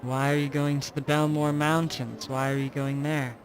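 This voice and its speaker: A man's voice: on the high side, level tone, pitched above the performer's own voice, natural voice. A man voicing a curt, suspicious gnome ship captain in a tabletop role-play. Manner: slow, terse, suspicious.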